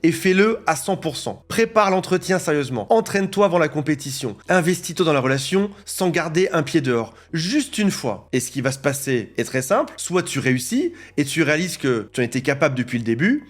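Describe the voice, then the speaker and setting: A man's voice: a little high, sing-song, brisk, hardly any pauses. A man coaching viewers on psychology, explaining ideas in a direct, teaching way. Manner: didactic, addresses viewer directly, lists examples.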